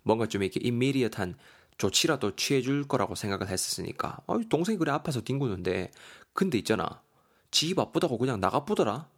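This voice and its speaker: A man's voice: medium pitch, breathy edge. A man voicing a young man who complains in slangy about his brother.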